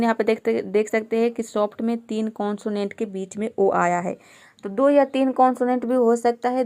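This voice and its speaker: The voice is a woman's, fairly high and clean in tone, as she patiently breaks down an English pronunciation lesson letter by letter. Rhetorical questions to her students punctuate the explanation.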